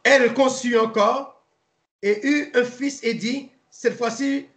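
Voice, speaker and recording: Guy teaching bible study, kinda high voice, keeps restarting, echoey room. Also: steady tone, fairly bright tone. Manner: halting, repeats words, spells names letter by letter. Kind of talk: informal Bible study lesson. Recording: roomy echo.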